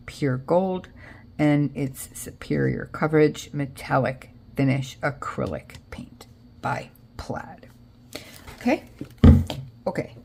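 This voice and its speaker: A craft vlogger narrates her project in casual chat, rambling, thinking aloud and often trailing off. She has an American accent, comes from Israel and was raised in Connecticut. Her voice is deep with vocal fry and a darkish tone.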